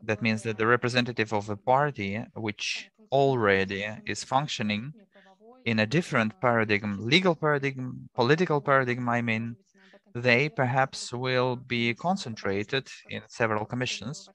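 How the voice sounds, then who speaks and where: A man at a middle pitch, working as a live simultaneous interpreter for a panel speaker. He talks in measured phrases and reworks his wording mid-sentence as he follows the original. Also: fairly bright tone. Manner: measured, rephrasing as he goes.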